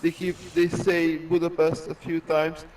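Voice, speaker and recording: A man's voice: on the high side, monotone, measured pace, darkish tone, far from the mic, rough recording. A man with a Hungarian accent, chatting casually as a podcast co-host and rambling with many restarts and fillers. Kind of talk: casual chat.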